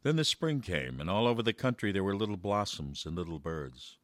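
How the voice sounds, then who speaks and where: A man reading a children's story aloud in a measured way, slowing down for verse. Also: sits low, very animated, no echo.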